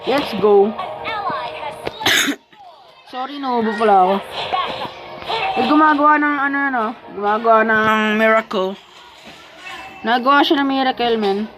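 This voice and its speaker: A woman's voice: fairly high pitch, unhurried, pauses often, over music, poor audio. A woman chatting playfully as she comments on her own mobile gameplay. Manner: playful, chatty, self-talking while playing. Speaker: gaming vlogger.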